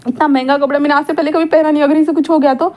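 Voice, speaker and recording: A fussy, penny-pinching young college man, as a woman puts him on, forever scolding his friends. His voice sits high and his words come fast. He sounds indignant, a storybook hero from a romance tale. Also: fairly even intonation, a little mellow, lightly acted. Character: fussy, thrifty young male college student.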